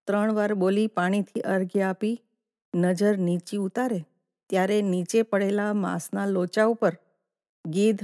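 A woman narrating a literary short story in a measured reading voice, giving the characters' lines in her own voice. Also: medium pitch, darkish tone, no echo, clean studio sound.

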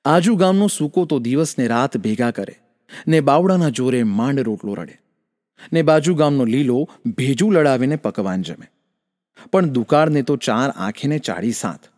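A man's voice: mid-range voice, lively intonation, normal speed, a little mellow, in a large hall. Sing-song male folk-tale storyteller. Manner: rhythmic, sing-song repetition.

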